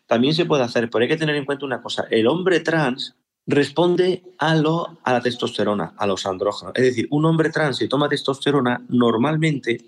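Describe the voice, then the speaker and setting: Man, a surgeon explaining patiently. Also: medium pitch. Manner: didactic, explains step by step. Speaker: ear, nose and throat surgeon. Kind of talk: explanatory interview answers.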